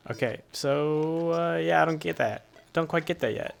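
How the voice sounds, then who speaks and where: A man's voice: a little high, moderate pace, creaky. A man streaming a video game, giving rambling, offhand commentary as he plays. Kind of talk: casual gameplay commentary. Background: faint game music.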